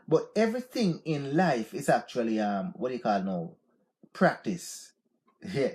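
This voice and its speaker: A man's voice: mid-range voice, darkish tone. Laid-back Jamaican man in his forties. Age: 40s. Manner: loose and repetitive, peppered with "yeah, man" and laughs. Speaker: live stream host. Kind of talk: unscripted motivational talk.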